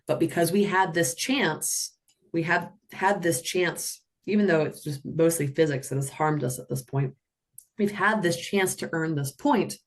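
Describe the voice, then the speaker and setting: A woman with a low-pitched voice runs an online teaching session, her delivery energetic and animated. She breaks into playful character voices to act out the players as she explains. She sounds like she is talking into a computer mic on a video call. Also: unhurried. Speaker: roller derby officiating instructor. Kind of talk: webinar teaching.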